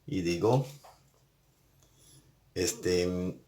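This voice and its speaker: A man's voice: sits low, extremely slow, warm tone. A man teaching an English grammar lesson, patiently repeating and spelling out each step. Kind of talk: recorded classroom lesson.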